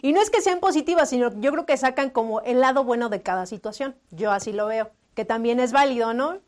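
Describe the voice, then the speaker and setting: Mexican lady host, high voice, chatty, talks right to the audience on a live show. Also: a little fast. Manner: chatty, addresses listeners directly. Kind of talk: casual live talk show hosting.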